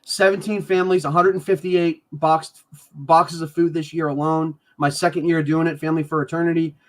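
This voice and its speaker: A man's voice: a little high, flat delivery, fairly quick. A man, a guest on a live stream, talking earnestly and repeating himself as he tells his story. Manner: earnest, repetitive, breaks down crying, coos to his dogs. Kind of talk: emotional live-stream interview.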